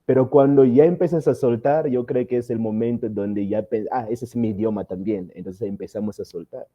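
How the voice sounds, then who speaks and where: Guy on a podcast, really mellow dark voice, kinda muffled audio, keeps restarting words. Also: medium pitch, fairly even intonation, normal speed. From Mozambique. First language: Portuguese. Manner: hesitant, restarts words, thinks aloud. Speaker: podcast guest, dance teacher. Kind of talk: casual interview chat.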